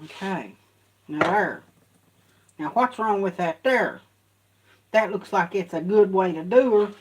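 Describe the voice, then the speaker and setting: A woman's voice: mid-range voice, lively intonation, measured pace, slight background noise. A woman talks herself through cooking in her home kitchen, rambling and repeating herself in a folksy way. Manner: rambling, repetitive folksy self-talk. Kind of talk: casual cooking commentary.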